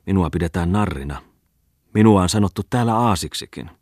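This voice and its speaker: A man's voice: low voice, expressive, darkish tone, dry recording, studio quality. A man voicing a gleeful, mocking male schoolmaster who lectures a crowd in a raised, sneering tone, read from a storybook. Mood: preachy. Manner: sneering, preachy speechmaking.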